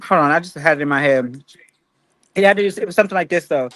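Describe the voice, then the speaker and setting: A man's voice: on the high side, fast, fairly bright tone, no room sound. A man around thirty in casual chat, playful and teasing, laughing easily. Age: 30s.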